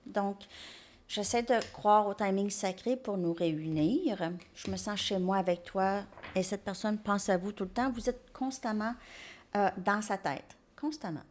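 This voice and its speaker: A woman's voice: mid-range voice, a little slow, a little mellow, a little hiss or hum. A woman with a Québécois accent giving a casual, chatty tarot card reading. She talks in an upbeat way and thinks aloud between cards. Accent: Québécois French. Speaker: tarot reader.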